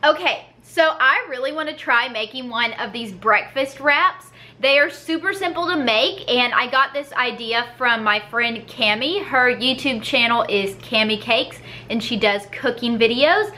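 A woman's voice: a little high, measured pace, few pauses, pushed and bright, a little hiss or hum. A woman, chatting upbeat to a handheld camera in her kitchen and car, and cooing to her dogs. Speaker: vlogger. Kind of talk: casual vlog talk to camera. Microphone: handheld camera at arm's length.

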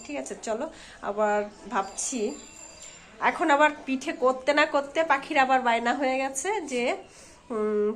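A woman with a hoarse voice from a fever, chatting casually to her viewers in a home vlog and checking in with them as she goes. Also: on the high side. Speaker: home vlogger and mother. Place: at home indoors.

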